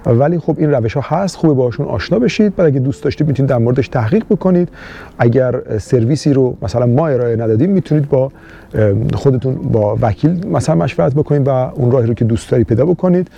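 A man's voice: mid-range voice, vocal fry, mellow, muffled recording, a little hiss or hum. A man from Iran, living in Austria, giving immigration advice in a casual, rambling monologue full of hesitant fillers. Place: lives in Austria.

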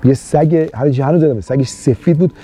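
A man's voice: fairly high pitch, dark tone, slight background noise. A man from Iran, living in Austria, giving immigration advice in a casual, rambling monologue full of hesitant fillers. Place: lives in Austria.

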